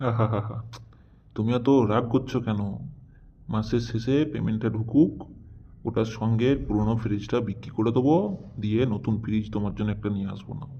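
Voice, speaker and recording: A man voicing a mild-mannered cartoon husband who calmly reasons with his wife and soothes her. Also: fairly low pitch, muffled recording, a little hiss or hum, natural voice. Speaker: husband character. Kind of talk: cartoon voice acting.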